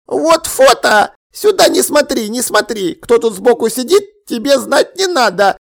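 A man doing a gravelly, nosy old neighbor lady. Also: very high-pitched, expressive, fairly bright tone, voice pushed up, heavily acted. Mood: conspiratorial. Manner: conspiratorial, scolding, drawn-out exclamations. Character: nosy fussy elderly woman neighbor, gossiping. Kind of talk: audiobook character voice.

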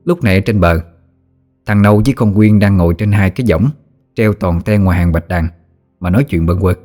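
A man's voice: low-pitched, brisk, faint music behind. Southern Vietnamese man telling a ghost story. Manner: lively storytelling. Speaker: narrator.

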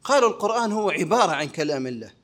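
A man's voice: high voice, big pitch swings, rapid-fire, fairly bright tone. A man teaching a religious creed lesson as a sheikh, asking his listeners rhetorical questions and answering them himself. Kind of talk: religious lecture.

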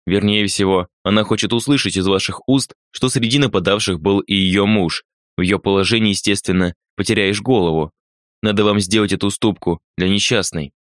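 An elderly count in a storybook, speaking low and measured, gently persuading, as a male narrator puts him on. The voice sits low and dry. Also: no room sound, lightly acted. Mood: earnest. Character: elderly count, anxious and gentle old man.

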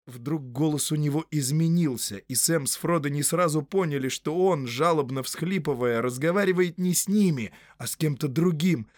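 A man narrating an audiobook in a calm, measured way. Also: fairly high pitch, dry recording, studio quality.

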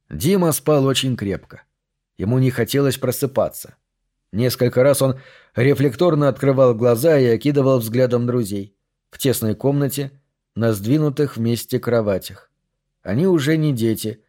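A man narrating an audiobook in a calm, measured way. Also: medium pitch. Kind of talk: scripted narration.

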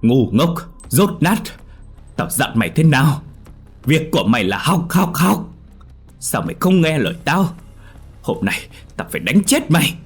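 A man playing a violent, furious older farmer who shouts and curses at his daughter. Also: low-pitched, fairly quick, faint music behind. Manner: shouting, harsh, cursing.

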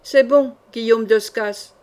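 A woman reading an audiobook, voicing a rough, wine-soaked nobleman who growls and sneers at his victims. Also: fairly high pitch, fairly even intonation, slow, a little mellow. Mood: menacing. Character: rough drunken male nobleman bully.

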